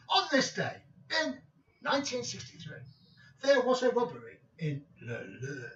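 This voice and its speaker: A man presents artwork slowly and deliberately, with a bright, lively pitch that rises and falls a lot. He seems set back from the mic, and the recording sounds a little dull. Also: far from the mic. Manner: slow, deliberate, pun-telling. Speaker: presenter of art videos. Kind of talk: joke-filled video presentation.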